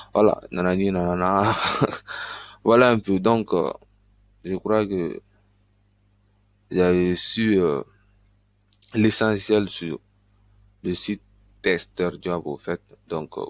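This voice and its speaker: A man talks viewers through websites in a casual tutorial voice-over, stopping often to fill gaps and restart his sentences. His voice sits very low. The sound is dry, with no room echo. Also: gravelly. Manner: loose and halting, with frequent verbal fillers. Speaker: online business YouTuber. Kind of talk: casual screen-recording tutorial.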